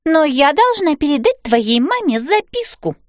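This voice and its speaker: A woman's voice: sits high, big pitch swings, a little slow, no room sound, clean studio sound, voice pushed up. A woman voicing a smug little girl neighbour in a children's storybook, boastful and mocking.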